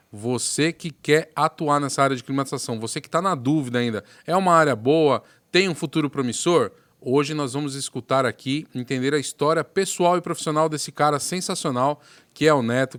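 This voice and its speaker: A man's voice: medium pitch, a bit bright. A man hosting a podcast, upbeat and promotional, introducing the guest and reading sponsor mentions. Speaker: podcast host.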